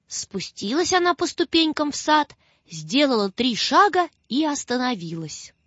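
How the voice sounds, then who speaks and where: A woman narrating a children's story in an expressive storytelling manner. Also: high voice, unhurried, no room sound. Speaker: audiobook narrator. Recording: dull dry recording with faint music.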